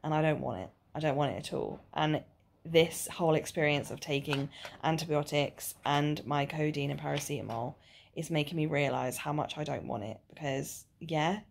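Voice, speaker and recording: At home in a small bedroom or living room, a vlogger in her twenties talks casually into her video diary, tired, queasy, and nursing a sore jaw from dental surgery. She speaks in a low, creaky voice at a moderate pace, with slight background noise.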